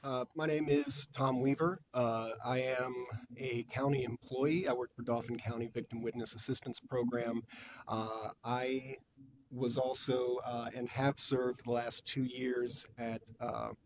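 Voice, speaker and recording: Flat-toned man speaking haltingly at public meeting. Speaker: county employee giving public comment. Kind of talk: public comment, spoken tribute at a formal meeting. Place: government meeting room. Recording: noisy public meeting room with low rumble.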